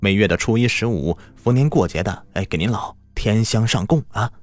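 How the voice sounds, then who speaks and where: A man voicing an anxious elder brother in a village, speaking softly to calm everyone down. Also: fairly low pitch, moderate pace, faint music behind, close to an everyday voice. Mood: placating. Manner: placating, soft-spoken.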